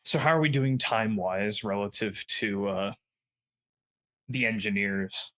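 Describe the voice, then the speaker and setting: A man playing in a tabletop game, asking quick practical questions. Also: on the low side, fairly bright tone. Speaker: player. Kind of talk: casual chat at a tabletop game.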